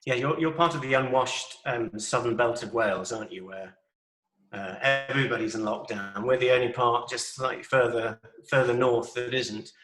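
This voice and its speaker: A man moderates an online panel in an informal, teasing way. His voice is mid-pitched, with a clearly roomy echo over a video call. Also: moderate pace, fairly bright tone. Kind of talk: chatty panel introduction and questions.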